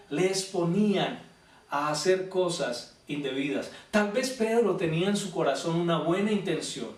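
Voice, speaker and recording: A man preaching a youth service sermon, telling stories and asking the listeners questions. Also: high voice. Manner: storytelling, acting out biblical quotes, asks the listeners questions. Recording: echoey room, voice from a distant mic.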